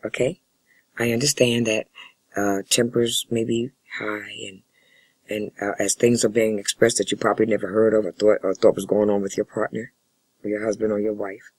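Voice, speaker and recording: A man speaking as a family therapist in a role-play session, with a husky voice and measured, formal, wordy phrasing. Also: lowish voice, little pitch movement, darkish tone, no echo. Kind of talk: spoken counseling role-play demonstration.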